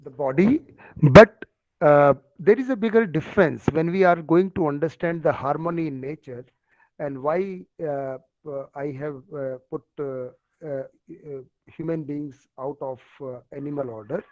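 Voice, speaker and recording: Male lecturer, North Indian accent, slightly high voice, halting and hesitant, explaining off the cuff over muffled call audio. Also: darkish tone. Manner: halting, with many long hesitations. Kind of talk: extempore online lecture. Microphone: online call on a phone. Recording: dull, low-fidelity online call audio.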